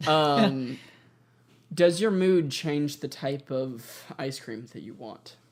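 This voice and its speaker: Male podcast co-host, dry deadpan jokes, voice a touch high, relaxed casual chat. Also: slow pace.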